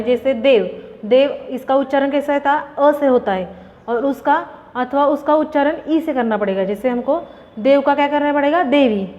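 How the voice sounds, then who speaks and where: A woman teacher giving a grammar lesson, reading out example words and asking and answering her own questions. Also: high voice. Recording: dull reverberant room recording.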